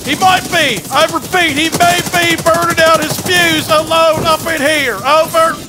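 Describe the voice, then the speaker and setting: Man doing a high-pitched, foul-mouthed drill sergeant. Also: fairly even intonation, measured pace. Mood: gruff, alert. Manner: barking orders, swearing, strained. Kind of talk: improvised in-game role-play over voice chat. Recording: voice over loud game battle noise.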